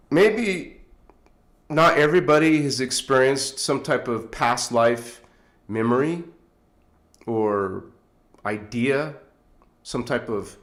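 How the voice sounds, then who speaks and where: A medium-pitched man speaks in an echoey room while hosting a casual livestream. Into a phone on a tripod he chats and rambles, nose stuffed up, chuckling often.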